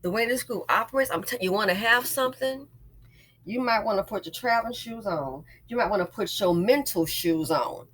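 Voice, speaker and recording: Bright, emphatic woman talking casually. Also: medium pitch, brisk, rough recording. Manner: emphatic, repeats phrases for emphasis. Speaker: YouTube host and small business owner. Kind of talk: casual opinionated monologue.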